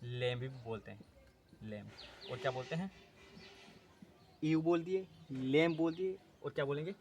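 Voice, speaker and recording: A man's voice: medium pitch, normal speed, darkish tone, highs cut off. A male teacher giving an exam-prep lecture, drilling students by asking a question and answering it himself, with English terms mixed in. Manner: mixes Hindi with English terms.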